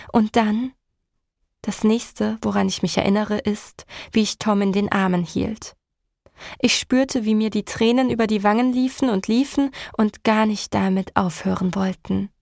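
A woman narrating a novel in the first person, with measured, emotional storytelling. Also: mid-range voice, fairly even intonation, vocal fry, darkish tone, no room sound, clean studio sound. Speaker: audiobook narrator.

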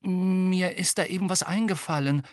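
A man's voice: high voice, normal speed, no room sound, studio quality, voice pushed up, lightly acted. A man voicing an uneasy teenage boy who speaks in a subdued, hesitant way.

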